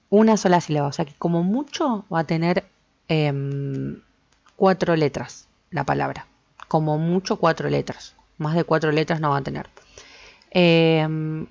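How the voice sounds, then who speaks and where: A woman's voice: deep voice, creaky, darkish tone. A woman English teacher, patiently explaining grammar and checking in with her students again and again. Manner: patient, repeats points and checks with "¿sí?". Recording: slightly dull lo-fi recording.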